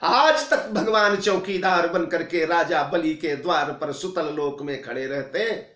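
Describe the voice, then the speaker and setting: Man preaching a scripture katha, high voice, slow and emphatic, echoey hall. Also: fairly bright tone. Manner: emphatic, chanting verses. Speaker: religious storyteller.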